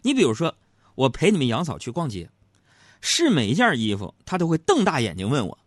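Lively Northeastern Chinese radio host. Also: male voice, mid-range voice, fairly quick, dry recording, studio quality. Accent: Northeastern Mandarin. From Northeast China. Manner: animated, storytelling, acts out loud quoted exchanges. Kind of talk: comic monologue. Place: radio studio.

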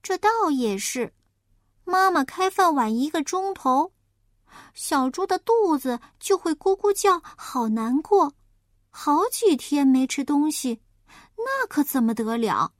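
A woman's voice: sing-song, slow pace, no echo, clean studio sound, heavily acted. A woman doing a chirpy naive piglet boy. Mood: eager. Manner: high, eager, innocent chatter.

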